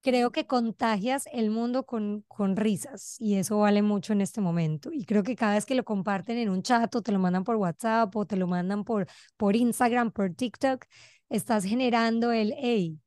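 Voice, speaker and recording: A woman's voice: medium pitch, normal speed, darkish tone, smooth, no room sound. Chatty woman host, dry close sound. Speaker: podcast host. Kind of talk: casual interview chat.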